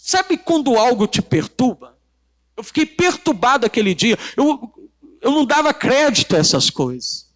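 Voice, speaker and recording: Man, Brazilian Portuguese accent, pastor, high voice, emphatic sermon with congregation call-and-response. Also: big pitch swings, normal speed, a bit bright. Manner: emphatic, repetitive phrasing. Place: church.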